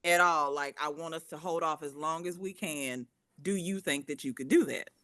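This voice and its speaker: A man hosts a panel and poses probing scenario questions. His voice is bright and forceful, a little high, and recorded dry and close. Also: moderate pace, smooth, dry recording. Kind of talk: interview questions.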